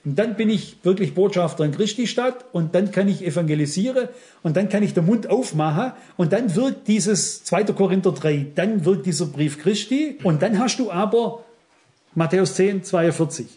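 A man's voice: sits high, lively intonation, normal speed, warm tone. A middle-aged man preaching a sermon, earnest and emphatic, speaking straight to his listeners.

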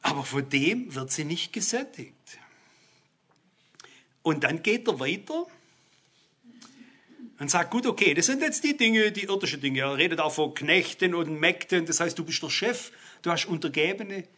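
A man's voice: a little high, expressive, moderate pace, pauses often, pushed and bright. An older man preaching a sermon, talking straight to his listeners and rising to emphatic exclamations. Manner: emphatic, rising to exclamations, addresses the congregation directly.

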